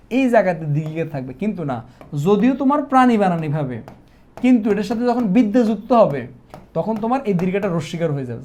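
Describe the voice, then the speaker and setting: A young man with a Bangladeshi Bengali accent teaching an exam-prep lesson. He drills spelling words, stresses key words loudly and mixes in English words. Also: sits high. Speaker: tutor.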